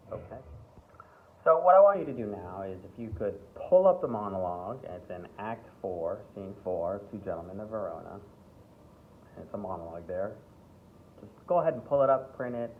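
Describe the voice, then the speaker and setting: Low-voiced man teaching acting over a tinny line. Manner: relaxed, repeats words, often checks in with "okay?" and "right?"; breaks into playful accent demonstrations. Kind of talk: acting workshop lesson. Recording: tinny phone-like sound with faint background hiss.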